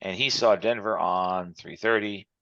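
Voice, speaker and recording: Bright-voiced man teaching over a conference call. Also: low voice, measured pace, vocal fry, no echo. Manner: walks through examples step by step. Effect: heard over a conference call. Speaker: instructor. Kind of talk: online class lecture. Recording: muffled, dry call audio.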